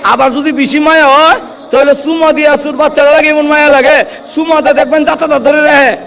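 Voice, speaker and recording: A man preaching a Bengali waz sermon in a sing-song way, speaking with a tinge and urging the crowd to answer louder. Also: extremely high pitch, fairly even intonation, fairly quick, creaky. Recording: long hall reverb.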